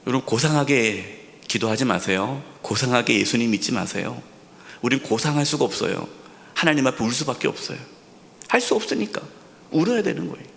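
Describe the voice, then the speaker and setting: A male senior pastor preaching a sermon, asking rhetorical questions, repeating key words, and dropping to a soft near-whisper for emphasis. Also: mid-range voice, animated, a little fast, vocal fry. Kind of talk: sermon at a Friday prayer service. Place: church sanctuary. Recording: long hall reverb in a church sanctuary.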